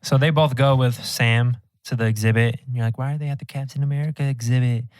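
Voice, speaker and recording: A man's voice: mid-range voice, fairly even intonation, fast, a little mellow, smooth, no echo, studio quality. A young man co-hosting a casual podcast who eagerly recaps scenes and mimics characters. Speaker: podcast co-host. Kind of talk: casual group chat.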